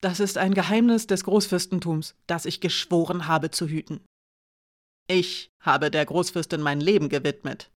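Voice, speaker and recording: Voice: fairly even intonation, normal speed, close to an everyday voice. A narrator voicing a gaunt male chamberlain who wails his protests, in an audiobook. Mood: defensive. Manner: wailing, high-strung protests.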